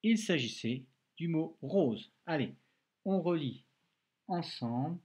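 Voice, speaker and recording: Slow, patient husky-voiced male teacher. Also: fairly high pitch, lively intonation, a little mellow. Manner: slow, patient, talks directly to a child, frequent "hein". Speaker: primary school teacher. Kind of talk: recorded remote dictation lesson.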